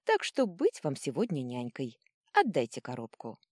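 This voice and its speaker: Woman reading a young princess, wry, commanding, animated, dark warm tone, audiobook. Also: rumbling low, normal speed, dry recording, clean studio sound, full character voice. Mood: teasing. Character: young female princess, firm and teasing.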